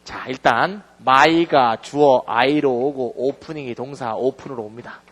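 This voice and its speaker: A man's voice: mid-range voice, slow, a bit bright, big-room sound. A middle-aged man giving a grammar lecture, acting out example phrases with big swings in his voice. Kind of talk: recorded classroom-style lecture.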